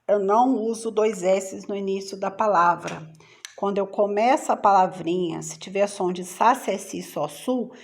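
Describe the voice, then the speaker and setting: Brazilian lady teacher, slow and sing-songy, explaining spelling to little kids. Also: medium pitch. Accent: Brazilian Portuguese. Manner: patient, sing-song teacher talk to young children. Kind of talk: children's spelling lesson.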